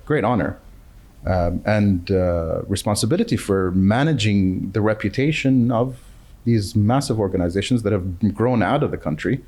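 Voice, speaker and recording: Earnest middle-aged man from the UAE, lowish voice. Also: a little mellow. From UAE (Dubai). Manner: thoughtful, earnest, measured with fillers. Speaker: guest, chief marketing officer. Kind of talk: candid conversational interview.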